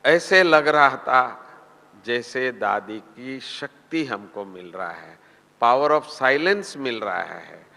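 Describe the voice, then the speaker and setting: A man delivers a spiritual discourse at an unhurried, deliberate pace. His voice has a bright, forward edge, and each phrase trails into the long reverb of a large hall. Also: medium pitch, expressive, creaky. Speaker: spiritual teacher.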